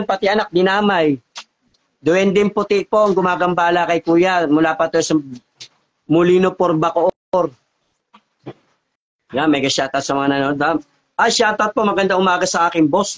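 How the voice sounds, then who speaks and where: A man's voice: high voice, steady tone, moderate pace. A man leading a live healing session, coaxing and repeating short questions. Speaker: faith healer. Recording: dull lo-fi audio.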